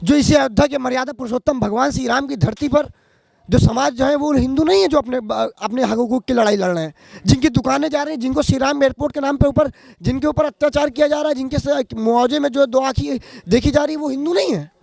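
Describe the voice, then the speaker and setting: Fiery high-voiced gravelly man. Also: quick pace, a little mellow, no echo, studio quality. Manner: fiery, oratorical, accusing. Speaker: local resident interviewed. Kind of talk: heated street interview.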